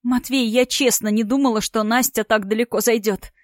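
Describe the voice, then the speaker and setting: A woman's voice: on the high side, fairly even intonation, normal speed, dry recording, clean studio sound, lightly acted. A woman voicing a tearful, distraught young woman who sobs and pleads with a trembling voice in an audiobook story. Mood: sighing, guilty. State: crying. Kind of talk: audiobook character voice.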